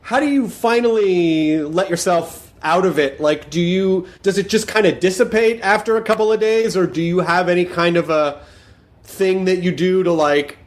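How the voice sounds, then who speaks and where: A man hosting a podcast, with a voice pitched high for a man. He speaks in a relaxed, reflective way and steers the talk with thoughtful, probing questions. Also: moderate pace. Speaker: podcast host. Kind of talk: casual interview chat.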